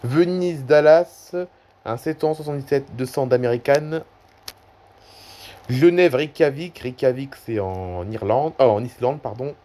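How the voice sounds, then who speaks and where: A YouTuber narrates his screen in a casual recording, his medium-pitched voice animated, mellow, and measured, with a bit of hiss or hum in the background. He rambles, hesitates, and corrects himself.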